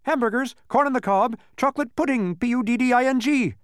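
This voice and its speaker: A man voicing an eager, showy, excitable spelling bee in a storybook. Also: very high-pitched, a little fast, smooth, dry recording, studio quality, voice pushed up. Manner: spells words out letter by letter.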